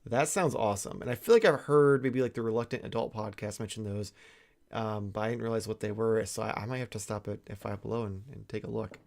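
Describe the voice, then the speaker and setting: A man with a gravelly, fry-edged voice and an American accent, chatting loosely on a live stream. He jokes around and reads out viewer comments in a relaxed, offhand way. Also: lowish voice, a little fast. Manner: jokey, reads out chat comments. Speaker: co-host of a toy-collecting live stream. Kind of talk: casual chat.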